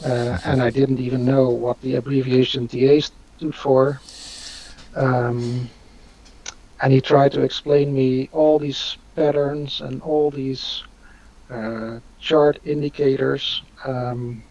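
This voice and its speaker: A man's voice: medium pitch, little pitch movement, slow, a little mellow. A man, hosting a live Q&A on a video call, talking hesitantly with many fillers. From Netherlands. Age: 50s. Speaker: host. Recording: dull lo-fi audio.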